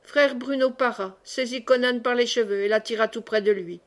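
A woman reading a novel aloud in steady, clear narration. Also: a little high, moderate pace. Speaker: audiobook reader. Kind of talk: scripted narration.

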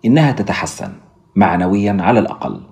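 A proud Zulu woman nurse speaks plainly and firmly, as a male narrator reads her lines. The voice stays low and moves fast. It is a storybook reading. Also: big pitch swings, vocal fry, darkish tone, exaggerated voice. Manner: firm, frank replies.

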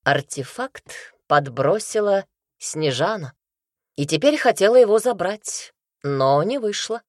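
A woman reading an audiobook voices a suave male investigator who speaks in a soft, purring, gently condescending way, lowering her pitch for him. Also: animated, unhurried, dry recording, studio quality.

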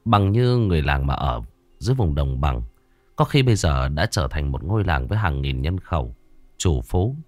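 Deep-voiced male ghost story narrator. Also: lively intonation, moderate pace, darkish tone, dry recording, soft background music.

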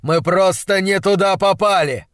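A hoarse, excitable middle-aged scientist, put on by a male audiobook reader who barks at his young assistant in loud, emphatic bursts. His voice sits a little higher than the narration around him and sounds close and dry. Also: unhurried, dry recording, natural voice. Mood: brisk, hectoring. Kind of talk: audiobook character voice.

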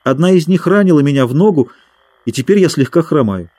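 Male reader as timid young girl in boy's disguise, gentle, earnest, raised pitch. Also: lively intonation, fairly quick, no room sound. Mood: plaintive.

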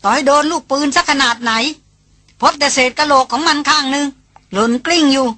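A woman reader voicing an excited male porter in an audiobook, calling out his report. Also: very high-pitched, a little fast, no echo, voice pushed up. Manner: shouting up excitedly.

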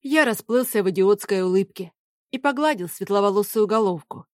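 A woman narrating a fantasy audiobook in a slow, dramatic manner. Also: medium pitch, lively intonation, no echo, studio quality.

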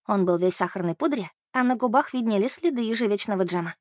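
A woman narrating an audiobook in an expressive, animated way. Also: mid-range voice, fast, no room sound, studio quality.

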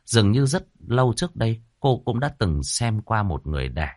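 A man narrating an audiobook story in a lively storytelling manner. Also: lowish voice, fairly quick, no room sound, studio quality.

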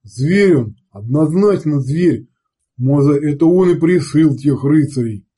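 Man doing a loud boastful redcap savage. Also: fairly high pitch, expressive, slightly rough. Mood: pleading excited. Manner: loud, hurried, whiny boasting. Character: boastful male redcap savage, crude, excitable.

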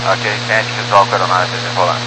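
A man's voice: deep voice, fairly even intonation, fairly quick, loud music behind the voice. A man, a police helicopter pilot, making terse, clipped calls to air traffic control over a two-way radio. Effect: two-way radio transmission. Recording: hissy, noisy radio channel.

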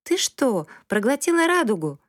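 A frank, chatty little girl with quick, eager speech, as a woman reader puts her on. She sounds raised and bright beside the narration, and the storybook voice is close and dry with no room sound. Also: high-pitched, very animated, dry recording, pitched above the performer's own voice. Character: lively curious young girl, chatty and frank.

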